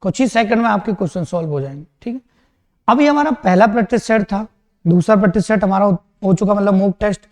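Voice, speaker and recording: High-pitched guy doing exam math prep, quick and reassuring, echoey room. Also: a little mellow. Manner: brisk, reassuring, often checks in with students. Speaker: math teacher.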